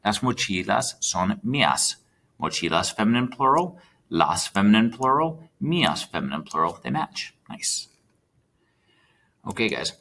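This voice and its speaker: A man's voice: on the low side, big pitch swings, unhurried, vocal fry, pushed and bright, slight background noise. A man teaching a recorded Spanish lesson, chatty and checking in with his students as he types. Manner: chatty, checks in with students, talks while typing.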